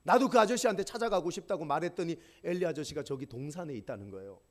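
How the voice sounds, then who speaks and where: Calm young wooden puppet girl, told by a man, matter-of-fact, quiet storybook voice. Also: a little high, fast talker, natural voice.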